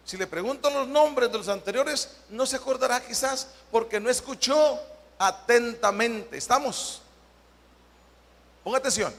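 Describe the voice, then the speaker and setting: A man's voice: very high-pitched, measured pace, gravelly, long reverb tail. A man, a pastor, teaching a Bible study and putting questions straight to the congregation. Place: church hall.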